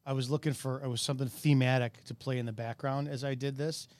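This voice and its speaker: A man's voice: medium pitch, fairly even intonation, fast talker, heavy background noise. A middle-aged man co-hosting a comedic talk show, telling stories in a rambling, profane way. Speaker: radio show co-host. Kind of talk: casual comedic chat.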